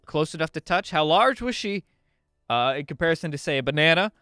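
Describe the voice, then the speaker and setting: A young man co-hosting a comedic radio talk show, playful and full of halting fillers and restarts, speaking into a studio microphone. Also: a little high, lively intonation, bright, forceful tone, clear, resonant tone, no room sound.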